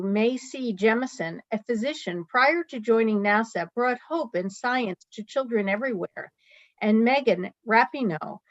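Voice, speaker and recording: A woman joining by video call to read a formal proclamation in a steady, careful way. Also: fairly high pitch, dry recording. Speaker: community guest reading a proclamation. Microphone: remote video call. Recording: dry, dull video-call audio.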